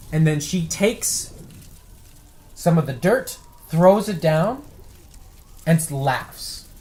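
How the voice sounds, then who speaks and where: A man co-hosting a casual movie show, telling a scene idea out loud and checking in with "okay?" as he goes. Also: a little high. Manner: storytelling with repeated "okay?" checks. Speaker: co-host.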